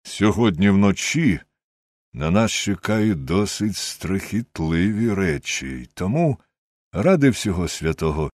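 A man voicing calm, lecturing Sherlock Holmes. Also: low voice, breathy edge, no room sound, exaggerated voice. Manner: measured, lecturing, deductive. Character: Sherlock Holmes, shrewd calm male detective. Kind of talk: audiobook character reading.

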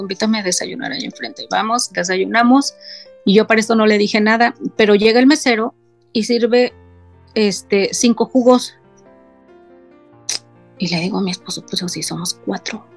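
A middle-aged woman tells a deeply personal family story as an interview guest. Her voice has a rough, gravelly texture, and she brings each scene to life by voicing what her relatives said. Soft music plays faintly behind her. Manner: retells scenes by quoting family in her own voice.

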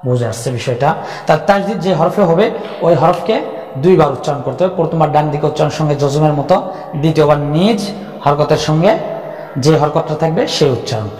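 A man's voice: on the high side, quick pace, darkish tone, faint music behind. A man teaching the rules of Quran recitation, patiently repeating each rule and drilling syllables. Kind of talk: Quran reading lesson. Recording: echoey room with long reverb.

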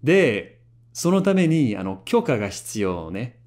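A man's voice: mid-range voice, normal speed. A man in his thirties from France, a YouTube host, chatting friendly on a phone call and to camera in his living room, laughing often. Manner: friendly and lively, laughs often, switches languages. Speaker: YouTube host reviewing a language app. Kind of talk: casual phone chat and presenting to camera.

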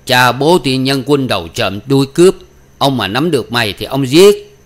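A man's voice: medium pitch, expressive, normal speed, pitched above the performer's own voice, natural voice. A man voicing a furious old bald father. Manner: shouting, gruff threats.

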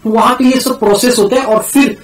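A man with an Indian English accent giving a classroom lecture, switching between Hindi and English and slowing down to repeat key terms for his students. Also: extremely high pitch, fairly even intonation, echoey room, poor audio. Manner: mixes Hindi and English, calls students "beta", drills key terms slowly. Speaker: tax teacher.

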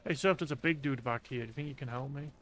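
A man giving casual live gameplay commentary with a friend, monotone and deadpan, swearing as he jokes. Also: medium pitch, quick pace. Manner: monotone, deadpan, profane joking. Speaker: video game streamer. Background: zombie game sounds.

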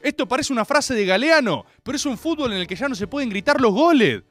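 Argentine male radio host, comic rant, high lively voice, dry close mic. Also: fast talker, no echo, soft background music. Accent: Argentine Spanish. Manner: animated, exasperated ranting.

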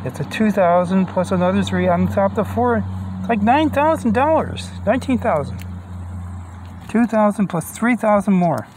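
A man's voice: high-pitched, animated, moderate pace, noisy background. An older man filming himself on his phone, talking casually and rambling, often restarting and working out sums aloud, first outdoors in a park and later inside a van. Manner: rambling, plainspoken, with restarts and mental math. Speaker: vlogger. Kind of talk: casual self-filmed vlog. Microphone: phone held close.

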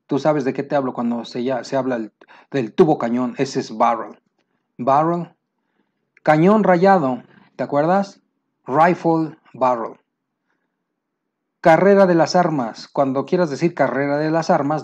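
A man with a Mexican Spanish accent teaching military vocabulary, pausing to say each English term slowly and plainly. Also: mid-range voice, a little mellow, muffled recording. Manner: explains terms, slows down for English words. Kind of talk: vocabulary lesson.

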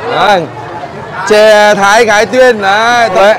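A man's voice: high-pitched, fairly even intonation, unhurried, noisy background. Chatty man in a market. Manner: chatty, bantering with vendors, laughs often. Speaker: food vlogger host. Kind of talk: casual market vlog chat. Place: busy outdoor local market. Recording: busy outdoor market crowd. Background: crowd chatter.

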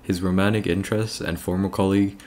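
A young British man with a low voice reads a long text aloud on a livestream. He often trips over names and breaks off to mock himself. Faint crickets chirp behind him. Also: level tone, fast, darkish tone, a little hiss or hum. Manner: stumbling over names, self-mocking asides. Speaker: streamer.

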